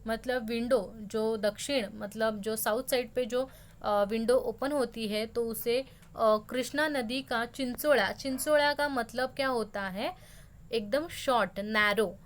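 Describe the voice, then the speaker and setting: A woman's voice: a little high, slow. Patient woman teacher explaining a lesson. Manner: patient, explanatory, mixes in English words.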